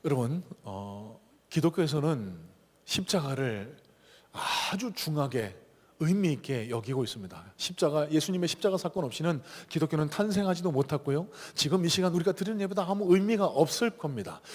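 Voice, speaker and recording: A man preaching from the pulpit with a high, lively voice that climbs and falls. He drops to a whisper and then rises to loud, urgent appeals. The sound has a long reverb, like a large church hall. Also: moderate pace. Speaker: pastor. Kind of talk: sermon. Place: church sanctuary.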